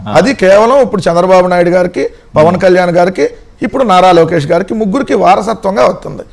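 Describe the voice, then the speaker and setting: A man on a TV news panel, arguing in a heated way with mocking, rapid rhetorical questions. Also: high voice, gravelly. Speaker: political panelist.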